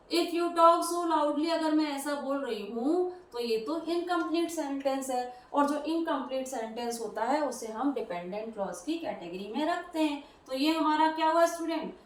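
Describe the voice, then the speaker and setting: A woman's voice: high voice, animated, normal speed, few pauses, darkish tone. A woman teaching a grammar lesson, explaining patiently and step by step. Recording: roomy echo, voice from a distance.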